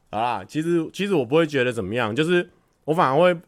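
A man's voice: fairly high pitch, dry recording. A man hosting a livestream, telling stories casually, acting out scenes and laughing often. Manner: animated storytelling, acts out scenes, laughs often. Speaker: livestream host. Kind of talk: casual chat with viewers.

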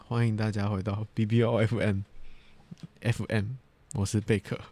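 A man's voice: on the low side, flat delivery, measured pace, warm tone. A young man hosting a podcast in casual chat, easygoing and a bit tired. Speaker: podcast host.

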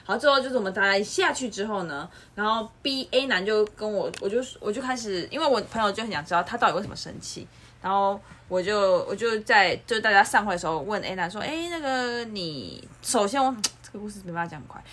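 Woman podcast host, quick and bright, rambling storyteller. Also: mid-range voice. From Taiwan. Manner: rambling, animated retelling with many restarts. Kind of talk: casual chat, storytelling.

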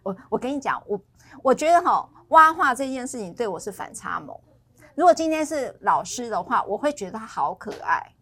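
A woman's voice: a little high, sing-song, a little fast, fairly bright tone. A woman co-hosting a talk show, chatting playfully and laughing easily as she shares stories. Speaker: co-host. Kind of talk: casual talk-show chat.

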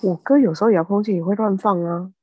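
A woman's voice: medium pitch, fast, darkish tone, slightly rough, no echo. A woman co-hosting a casual chat podcast, often agreeing with short replies. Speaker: podcast co-host.

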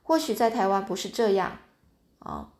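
A woman's voice: mid-range voice, huge pitch swings, moderate pace, darkish tone. A woman reading a children's fantasy novel aloud in a casual, chatty way with little asides. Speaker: storyteller.

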